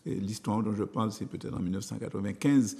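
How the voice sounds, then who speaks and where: An older man with a Martinican accent, a former school head who speaks as a guest in an animated, emphatic way and tells anecdotes. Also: fairly low pitch, fast, creaky, in a large hall. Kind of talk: studio discussion.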